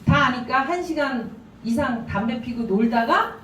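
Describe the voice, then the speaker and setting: A woman gives a business seminar talk, telling anecdotes with laughing asides. Her voice is high and swings widely in pitch. It echoes through the room from a mic set at a distance. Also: unhurried, a little hiss or hum. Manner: animated, storytelling, laughing asides. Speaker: seminar speaker. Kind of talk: business presentation.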